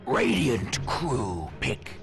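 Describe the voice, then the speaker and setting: An actor playing a solemn male game announcer who makes slow, clipped formal announcements. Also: mid-range voice, wildly swooping pitch, vocal fry, full character voice. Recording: game audio under loud music.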